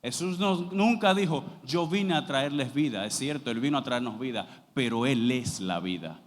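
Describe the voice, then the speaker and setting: A man preaching a sermon as pastor, reading scripture aloud slowly and then explaining it with rising emphasis. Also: medium pitch, animated. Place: church sanctuary. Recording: long reverb of a church hall.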